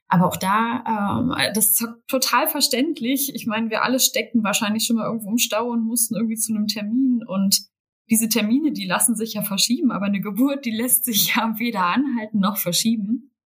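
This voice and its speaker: A woman's voice: fairly high pitch, breathy edge. A woman from Berlin, a birth doula, explaining things thoughtfully as a podcast guest. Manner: thoughtful, explanatory, many fillers. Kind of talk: podcast interview.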